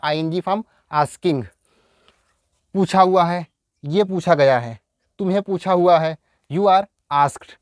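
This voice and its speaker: A man's voice: a little high, clean tone, dry recording, clean studio sound. Man teaching English with a Hindi accent. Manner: slow, repeats each example sentence while dictating. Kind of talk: spoken English lesson.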